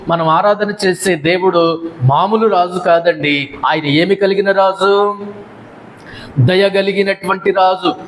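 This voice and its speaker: A man's voice: high voice, slight background noise, rough recording. A male pastor delivering a sermon, with repeated refrains and rhetorical questions.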